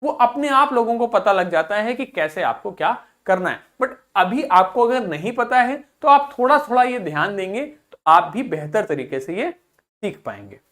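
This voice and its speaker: A male English teacher gives a video lesson in Hindi with a high-pitched, animated, fairly bright voice. He asks questions, answers them himself, and slowly repeats example words.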